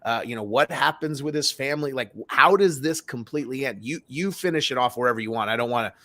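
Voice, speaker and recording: Host, male, mid-pitched, preacher-ish, talks to the audience directly. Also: fast talker, sharp tone. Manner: preachy, turns to address the audience.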